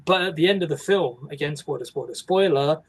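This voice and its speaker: Husky man, rambling film chat. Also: fairly high pitch, brisk. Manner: rambling, self-interrupting, wry. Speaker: podcast co-host. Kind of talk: casual film discussion.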